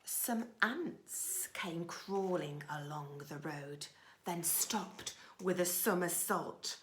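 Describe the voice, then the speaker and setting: A woman teacher reads a storybook expressively to young children, tossing in simple little asides and child-directed phrasing. Her voice is on the low side and she speaks very slowly.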